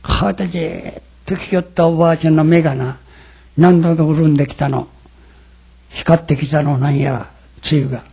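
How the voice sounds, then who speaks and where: An older man preaches a sermon, telling his stories in a folksy, dramatic way. His voice sits a little high for a man and is rough with fry. It is also very husky and raspy. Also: steady tone, moderate pace, dark tone. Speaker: religious lecturer. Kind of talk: storytelling sermon.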